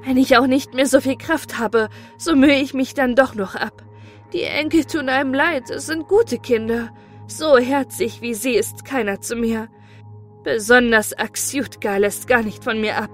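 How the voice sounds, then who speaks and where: Woman playing a shrill old apple seller. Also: measured pace, faint music behind, natural voice. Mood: softened. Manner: loud, scolding, shrill. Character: scolding old female apple seller, softens.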